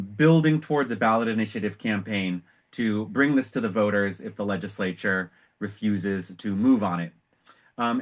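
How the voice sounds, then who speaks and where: An American man speaking as an organization's director, giving an informal, explanatory meeting presentation with measured phrasing and trailing pauses. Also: on the low side.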